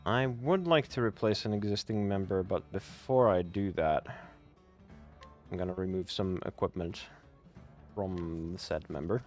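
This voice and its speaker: A man's voice: sits low, measured pace, a little mellow. A man giving casual let's play commentary on a video game, at times reading aloud. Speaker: gamer playing and commenting. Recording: game music behind the voice.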